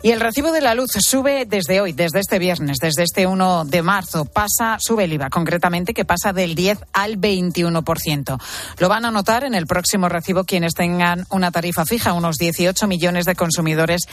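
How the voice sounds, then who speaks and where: A woman's voice: fairly low pitch, moderate pace, no echo. Spanish newsreader woman over music. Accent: Spain. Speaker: radio news presenter. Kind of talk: scripted news narration. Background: music bed.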